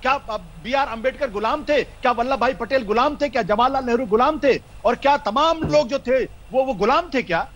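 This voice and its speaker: A man's voice: very high voice, expressive, normal speed, few pauses, fairly bright tone, muffled recording. A male panelist in a political debate, arguing through pointed rhetorical questions.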